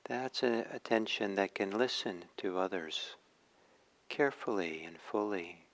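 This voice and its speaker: Guy leading a guided meditation, low voice, really slow, lots of hushed pauses between little phrases. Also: low-quality recording. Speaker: meditation teacher.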